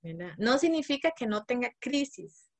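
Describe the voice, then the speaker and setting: A woman's voice: on the high side, sing-song, moderate pace. A woman with a Costa Rican accent, speaking as a parent in an interview. She talks casually and keeps tagging her sentences with "¿verdad?", often laughing between phrases. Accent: Costa Rican Spanish. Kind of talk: casual personal account.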